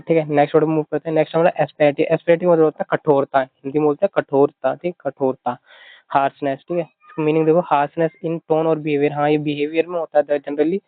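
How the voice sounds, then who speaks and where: A man's voice: on the high side, no echo. A man teaching an exam-prep vocabulary lesson, repeating himself often and explaining words with mnemonics. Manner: repetitive, keeps saying "theek hai", explains with mnemonics. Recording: thin phone-like dry audio.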